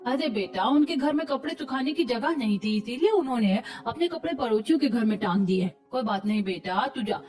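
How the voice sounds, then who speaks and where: A woman's voice: on the high side, lively intonation, fairly quick, hardly any pauses, darkish tone, far from the mic, natural voice. A woman voicing a patient elderly grandmother in a cartoon, speaking in a soothing, resigned way.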